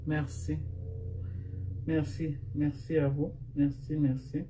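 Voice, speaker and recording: A woman with a Cameroonian French accent talks to her live-stream viewers through a phone, in an unhurried, drawn-out way. She circles back to the same teasing, scolding phrases again and again, half playful and half mocking. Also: sits low, level tone, mellow, faint music behind. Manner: repetitive, teasing, scolding refrains.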